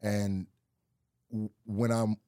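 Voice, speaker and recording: Extremely slow and smooth, a young man's fairly low voice comes through in a dry, studio-quality recording. The rapper and YouTuber, from Nebraska, USA, with early childhood in Nigeria, chats casually as an interview guest, relaxed and rambling with many restarts and "like"s.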